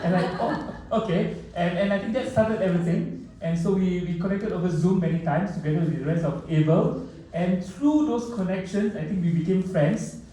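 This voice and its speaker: A man's voice: sits high, fairly quick, dark tone. A man, an international lawyer, giving a friendly short speech with fillers and laughs. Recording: roomy hall from far off.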